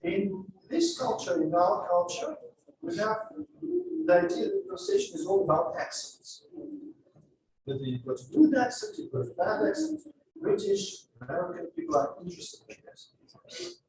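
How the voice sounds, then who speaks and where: A man from Uzbekistan lecturing a class on spoken English, explaining points in an animated, demonstrative way. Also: high voice, normal speed, slight background noise. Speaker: English teacher. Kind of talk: lecture on exam speaking skills. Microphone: distant room mic. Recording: very echoey room, voice from far off.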